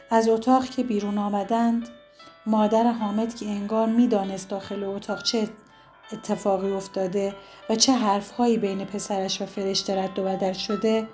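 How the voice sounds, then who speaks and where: Even-voiced woman narrating a story. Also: mid-range voice. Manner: steady, even reading. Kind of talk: scripted audiobook narration.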